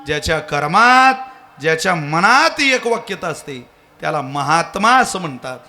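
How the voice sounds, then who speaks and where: High, bright-voiced Marathi man preaching. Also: moderate pace. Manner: storytelling with lively voiced characters and questions to the audience. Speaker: kirtan preacher. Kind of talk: devotional kirtan sermon.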